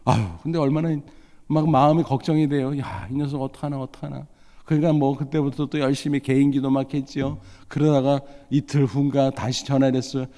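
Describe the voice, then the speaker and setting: A man's voice: mid-range voice, little pitch movement, fairly quick, dark tone. Folksy male pastor in echoing hall. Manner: folksy, humorous storytelling with acted-out dialogue. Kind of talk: sermon with storytelling. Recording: long hall reverb.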